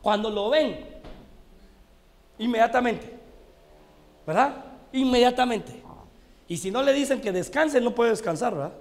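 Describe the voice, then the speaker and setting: A man preaching with a high, gravelly voice, talking straight to his congregation as brothers. He tells stories while teaching. Long hall reverb trails behind every phrase. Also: a little slow, long pauses. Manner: preachy, addresses listeners as brothers. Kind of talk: TV sermon with anecdotes.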